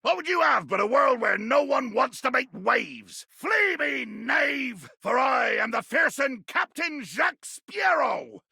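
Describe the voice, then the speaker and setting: A man voicing a bombastic, bloodthirsty pirate captain in a video game, with a raspy, gravelly growl and grandiose, archaic seafaring speech. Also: extremely high pitch, very animated, unhurried, hardly any pauses, bright, forceful tone, no room sound, shouting, studio quality, exaggerated voice. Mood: furious, grandiose. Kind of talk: theatrical video game character acting.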